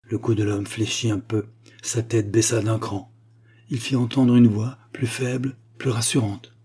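A man narrating a literary story in a measured, grave storytelling manner. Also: on the low side, level tone, warm tone, breathy edge.

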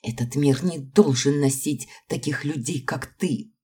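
Woman voicing a jealous young student, hissing, shouting, husky, dark low voice. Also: unhurried, full character voice. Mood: accusing. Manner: hissing through teeth, breaking into shouts.

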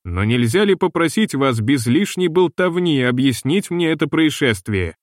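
A man reading the part of a young ship captain who asks brisk, impatient questions, in a dry recording. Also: fairly high pitch, lively intonation, dry recording, close to an everyday voice.

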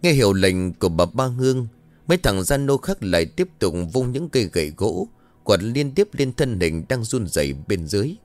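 A man narrating a ghost story in a slow, dramatic scripted style. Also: on the low side, very animated, darkish tone, no room sound.

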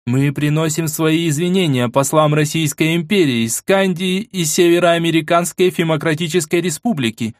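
A man's voice: on the high side, normal speed, no echo, studio quality, voice pushed up, natural voice. A man voicing a cold, iron-willed middle-aged queen who speaks sternly and with command. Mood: formal address.

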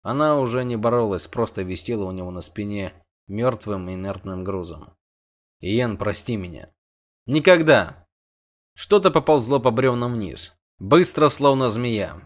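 A man's voice: on the low side, lively intonation, moderate pace. A man narrating an audiobook with tense, vivid storytelling.

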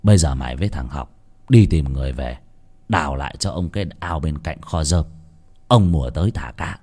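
Man putting on a menacing old village chief, deep gruff voice, storybook villain. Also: lively intonation, fairly quick, dark tone. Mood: commanding. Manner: low commanding growl, menacing. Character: greedy scheming old village chief, male.

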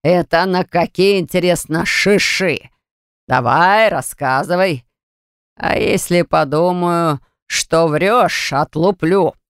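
A harsh middle-aged father spits slow, heavy threats in this audiobook scene, as a woman narrator puts him on. His voice drops below hers and presses loud on every word. The reading stays close and dry. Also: low voice, sing-song, vocal fry, no echo, heavily acted. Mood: menacing. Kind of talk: audiobook character voice.

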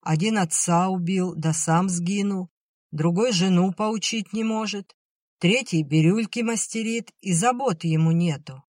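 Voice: mid-range voice, measured pace, a little mellow, no echo, clean studio sound, lightly acted. A narrator voicing a bitter, grumbling old peasant mother who wails and scolds, in an audiobook reading. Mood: wailing. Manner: wailing, scolding.

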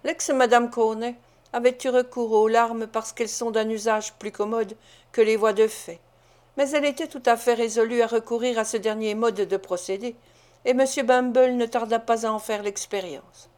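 A woman narrating a classic novel as an audiobook reader, in a measured, expressive way. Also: fairly high pitch.

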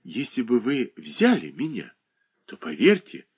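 A man voicing a poor, earnest young woman who pleads quietly for work. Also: mid-range voice, huge pitch swings, a little slow, breathy edge, heavily acted. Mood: earnest pleading.

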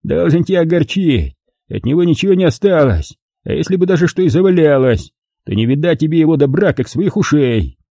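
A man voicing a spiteful, coarse middle-aged alcoholic brother in a slow drunken drawl. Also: fairly high pitch, animated, warm tone, no echo, studio quality.

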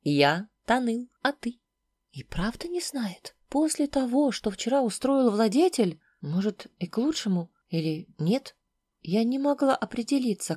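A woman reading a fantasy novel aloud in the first person, soft and intimate, at times dropping almost to a whisper. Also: fairly high pitch, no echo, studio quality. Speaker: audiobook narrator. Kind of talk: first-person audiobook narration.

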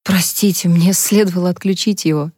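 A heartbroken young woman, voiced by a female narrator, talks in a soft, choked way, close to tears. Her pitch sits on the low side for a woman, and the audiobook recording is dry and close. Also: steady tone, brisk, no echo, natural voice. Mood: hesitant.

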